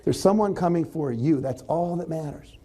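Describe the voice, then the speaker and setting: A man's voice: a little high, normal speed, warm tone. A man giving a conversational motivational talk to an audience, animatedly acting out example thoughts. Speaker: motivational speaker.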